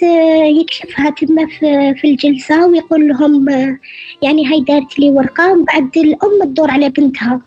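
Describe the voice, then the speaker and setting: A middle-aged woman with an Algerian accent, calling in over the phone and telling her story haltingly, with many hesitant fillers. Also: high voice, warm tone. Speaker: caller. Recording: dull phone line.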